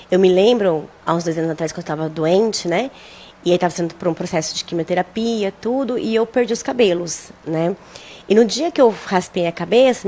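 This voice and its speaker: Woman, middle-aged, earnest, reflective, radio talk. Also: mid-range voice. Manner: earnest, reflective storytelling with frequent tag questions. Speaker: radio show participant on parenting.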